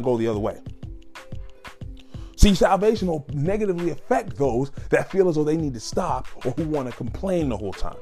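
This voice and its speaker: A man's voice: a little high, a little mellow. A man giving an informal sermon, emphatic and full of rhetorical questions. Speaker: lay preacher.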